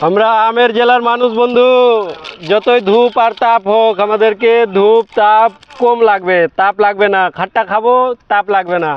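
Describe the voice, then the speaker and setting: A man's voice: high-pitched, fairly even intonation, moderate pace, highs cut off. A young man from Malda with a local Bengali accent, chatting casually in a vlog from a mango orchard and calling out to friends and kids. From Malda, West Bengal. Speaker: vlogger.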